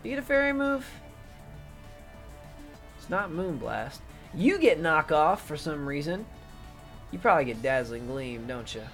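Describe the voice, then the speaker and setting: A man's voice: a little high, very animated, unhurried, pauses often, faint music behind. A young man casually rambling through his picks for an online league, swearing offhand and filling gaps with "um" and "uh". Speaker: YouTuber talking through his league draft. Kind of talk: casual unscripted commentary to camera.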